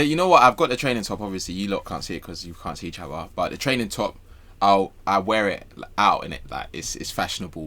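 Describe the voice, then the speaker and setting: A man's voice: low voice, bright, forceful tone. A man, a guest on a football podcast, talking with enthusiasm and often repeating his words. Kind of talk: casual football podcast chat.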